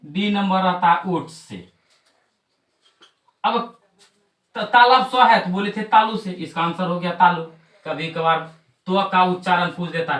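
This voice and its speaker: High-voiced teacher drilling phonetics. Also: male voice, fairly bright tone. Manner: repetitive drilling, chant-like recitation. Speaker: exam coaching teacher. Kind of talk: classroom lesson on Hindi phonetics. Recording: roomy echo, mic at a distance.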